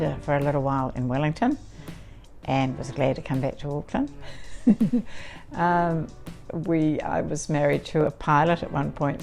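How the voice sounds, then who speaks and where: Brief: woman in her eighties, New Zealand accent, low creaky voice, wry and chatty interviewee. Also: a little mellow. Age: 80s. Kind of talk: documentary interview.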